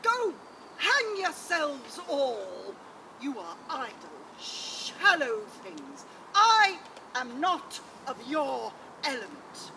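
A woman on an open-air stage playing a haughty, pompous female steward who speaks with slow, lofty disdain. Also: sits high, big pitch swings, vocal fry, sharp tone, a little hiss or hum, exaggerated voice. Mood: scornful. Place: outdoor stage.

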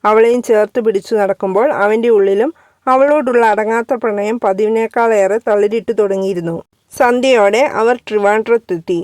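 A woman narrating a serialized storybook in a steady, even reading voice. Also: medium pitch, moderate pace, no room sound.

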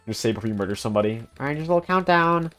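A man's voice: medium pitch, lively intonation, racing, fairly bright tone, soft background music. A young man streaming a co-op tower defense game live, chatting loosely with his chat and friends, full of "like" and restarts. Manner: rambling, filler-heavy, talking to chat. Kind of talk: casual live gameplay commentary.

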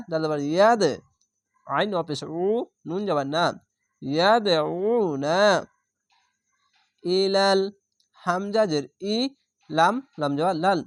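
Slow, spelling Quran teacher, dry close mic. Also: male voice, high voice, no echo. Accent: Bangladeshi Bengali. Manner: spells each word letter by letter, then drawls it slowly. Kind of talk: spelled-out Quran recitation lesson.

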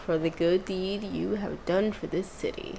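A woman voicing a tired, formal city mayor, reading his lines in a measured way. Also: lowish voice, fairly even intonation, vocal fry, mellow, slight background noise, poor audio. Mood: solemn. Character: weary, formal city mayor, older man. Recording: game music underneath.

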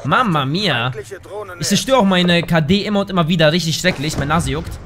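A man giving casual gameplay commentary, excitable, yelping and swearing at the game into a desk microphone at home. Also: fairly high pitch, brisk. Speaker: gaming YouTuber.

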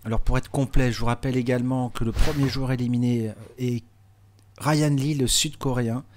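A man's voice: medium pitch, steady tone, a little fast, a little mellow. Male sports commentator, conversational, explains every shot; light background noise. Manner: chatty, explanatory, with frequent hein and euh fillers. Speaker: bowling commentator.

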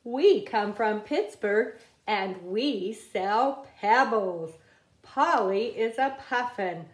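A woman reading a children's picture book aloud at a table, in a slow, careful read-aloud cadence. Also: medium pitch, lively intonation, echoey room. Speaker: reader. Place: indoors at a wooden table.

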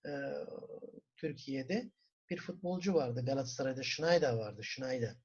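Husky Turkish-accented man teaching German. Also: mid-range voice, lively intonation. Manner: asks the class questions and answers them himself; repeats words slowly for pronunciation. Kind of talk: classroom lesson. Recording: dull lo-fi recording.

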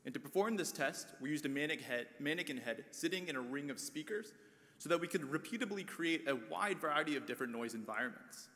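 A man with a fairly high voice presents research results at a conference. He walks through the figures step by step, with a few fillers. His voice rings with a long hall reverb. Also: expressive, fast, pushed and bright. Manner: explains figures step by step, light filler words. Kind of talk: prepared research talk.

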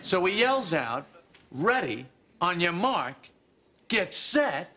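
A wry, theatrical comedian. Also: male voice, high-pitched, big pitch swings, slow pace, pushed and bright, heavily acted. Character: wry male comedian, neurotic and jokey. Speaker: sitcom lead. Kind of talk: sitcom acting. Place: studio apartment set. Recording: sitcom audio with audience laughter.

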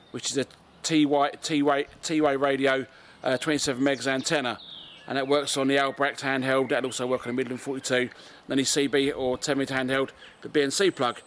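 An English-accented man in his forties casually shows off gear as host of an amateur radio video, filmed outdoors in a garden and on a street. His mid-range voice is a bit bright. The camera mic sits at arm's length or further, catching background noise.

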